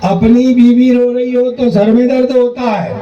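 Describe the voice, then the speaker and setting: High-voiced comic poet on stage. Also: male voice, fairly even intonation, measured pace, mellow. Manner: jokey, addresses the audience directly, acts out dialogue. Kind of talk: live stage comedy recital. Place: stage before a live audience. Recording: dull, echoey, distant hall recording.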